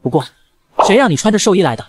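A man voicing a stern, quick-tempered old sect elder who scolds gruffly, in a fast manga recap narration. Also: high voice, sing-song, background noise.

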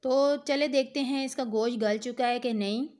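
A middle-aged woman walks the viewer through a home recipe one step at a time. Her voice sits a little high, and her tone stays patient and instructive. She speaks straight to the listener as a cooking host. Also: fairly even intonation, moderate pace, a little mellow. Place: home kitchen.

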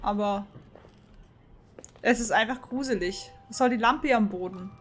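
A woman's voice: medium pitch, normal speed. A woman streamer giving live commentary on a horror game, jittery and talking to her chat, with frightened outbursts. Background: faint game music.

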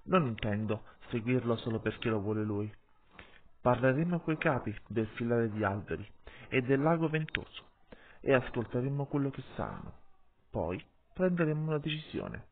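A man's voice: medium pitch, lively intonation, normal speed, slight background noise, close to an everyday voice. A man voicing a scornful, skeptical pack wolf who scoffs and probes, in an audiobook with tinny sound. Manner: scoffing, probing.

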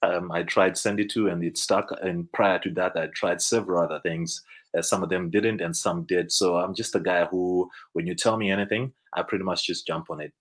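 A Zimbabwean man in his thirties, with a Zimbabwean accent, tells stories as a business guest in a casual interview over a video call from an indoor room. He rambles, restarting and using fillers. His voice is low with fairly even intonation and a slightly fast pace, and the webcam recording is low quality.

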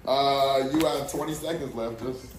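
A man's voice: mid-range voice, fairly even intonation, moderate pace, slight background noise. A man hosting a dating game segment in casual chat, brash, profane and teasing. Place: indoor room in a content house. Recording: echoey room.

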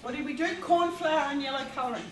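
A woman's voice: sits high, fast talker. A middle-aged, playful, giggly and tipsy woman chatting casually as she helps in a kitchen. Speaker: co-host helping in the kitchen. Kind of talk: casual chat. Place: home kitchen, indoors. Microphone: camera a few steps away. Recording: echoey kitchen with music.

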